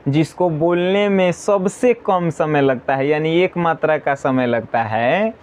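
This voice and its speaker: A man teaching an exam-prep grammar lesson, slowly repeating definitions and answering his own questions. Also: fairly high pitch, smooth.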